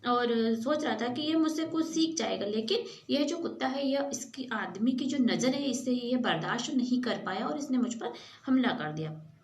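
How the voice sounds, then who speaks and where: Woman as naive young boy, sincere, high voice, roomy sound. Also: expressive, moderate pace. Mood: earnest. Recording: echoey room.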